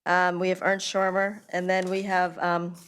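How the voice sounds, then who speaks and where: A woman running public comment at a meeting, calling the next speakers in a brisk, informal way with many fillers. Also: on the low side, completely flat delivery, a bit bright, slight background noise. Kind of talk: procedural meeting announcements.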